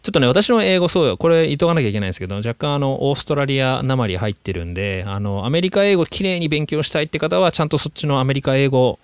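A man hosting a podcast, talking in a chatty, animated way with drawn-out fillers. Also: medium pitch, clean tone, dry recording. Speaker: podcast host. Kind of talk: casual podcast monologue. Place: lives in Sydney.

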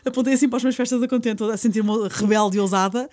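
A woman's voice: on the high side, very fast, over a noisy crowd. A Portuguese woman in her thirties, a podcast guest, chatting casually in a European Portuguese accent and acting out the lines she quotes. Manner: animated storyteller, acts out quoted lines. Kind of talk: casual chat.

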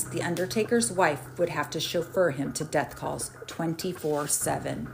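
A woman with a fairly low voice narrates a story with wry, dramatic timing. Clear music plays under her narration throughout. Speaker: podcast host.

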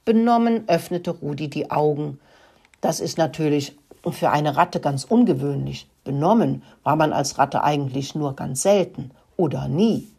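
Storyteller, woman, breathy husky voice, gentle children's reading. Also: sits low, moderate pace.

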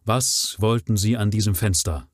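A man's voice: medium pitch, lively intonation, fairly quick, no room sound, clean studio sound, voice pushed up, lightly acted. A man reading aloud, voicing a stern male nobleman who angrily commands and interrogates his servant. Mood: angry. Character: stern indignant male nobleman, master of the house.

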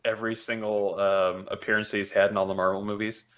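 A man's voice: lowish voice, level tone, a little fast, fairly bright tone. A man co-hosting a podcast, chatting casually and telling stories with laughter and animation. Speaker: podcast co-host. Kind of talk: casual chat.

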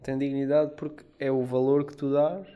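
A man's voice: mid-range voice, little pitch movement, normal speed, clear, resonant tone, dull audio. A man with a European Portuguese accent, co-hosting a podcast and arguing his point in a mock-serious way. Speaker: podcast co-host. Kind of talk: casual chat.

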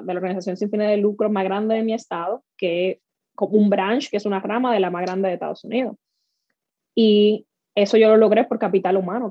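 A woman's voice: medium pitch, warm tone, no echo, dull audio. A woman from the Dominican Republic, a guest in an interview, speaking candidly and earnestly and mixing in English words. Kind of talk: interview conversation.

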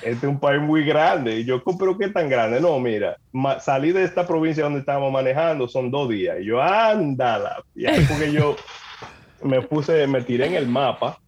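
A man from the Dominican Republic with a Dominican accent, a podcast guest telling lively stories, acting out quoted dialogue and laughing often. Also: medium pitch, normal speed. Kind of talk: lively storytelling in a casual chat.

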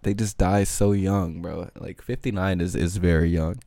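A man's voice: low-pitched, fairly even intonation, moderate pace, vocal fry, warm tone, no echo. A man hosting his own podcast, rambling in loose, slangy casual chat with lots of filler words. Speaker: podcast host.

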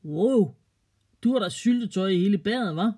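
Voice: mid-range voice, animated, dark tone, breathy edge, pitched above the performer's own voice. A storyteller voicing a brash, curious boy in a children's story, speaking in a raised, incredulous way. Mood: amazed.

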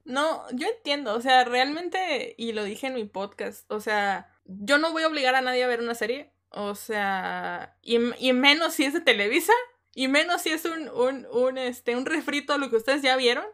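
A talkative Mexican woman hosting a podcast, her voice sitting a little high. She wanders through her points with lots of fillers and restarts in relaxed conversation. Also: moderate pace. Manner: chatty, rambling with many fillers. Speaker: podcast host. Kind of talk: casual chat.

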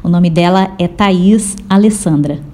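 Brazilian woman podcast host, measured scripted intro, mellow tone. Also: on the low side. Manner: slow, measured reading.

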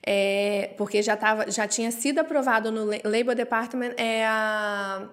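A Brazilian woman tells her own story in a fairly high voice. She jumps up in pitch whenever she quotes someone, and the talk stays lively and personal. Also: measured pace. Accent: Brazilian Portuguese. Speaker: interview guest.

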